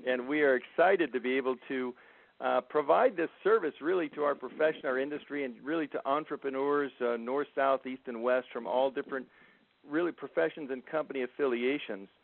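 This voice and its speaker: A man introducing the show as host, steady and upbeat. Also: mid-range voice, brisk, creaky, dry recording. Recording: dry tinny phone line.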